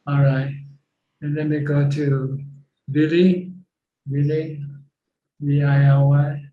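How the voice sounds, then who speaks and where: A Thai Buddhist monk, a native Thai speaker, teaches a dharma Q&A talk over a video call in a flat, slightly high male voice, taking it slowly. He explains plainly and repeats phrases, and the roomy, dull audio carries slight background noise.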